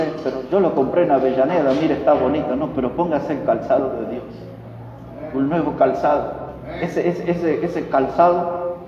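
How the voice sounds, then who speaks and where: A man preaches and prays from the pulpit, his voice sitting a little high. He sounds distant from the mic, with a long church reverb. The recording is muffled, with faint room noise under it. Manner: preaching with call to stand and prayer. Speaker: pastor. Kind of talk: sermon. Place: church sanctuary. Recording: roomy church hall from far off, dull.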